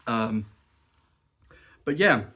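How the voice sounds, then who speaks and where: The reviewer's mid-range voice is animated and sharp, stretching his words out as he tastes cheese and crackers. It's a casual food vlog shot indoors at home, where he chats and muses aloud. He's still coughing and slightly sniffly from an illness.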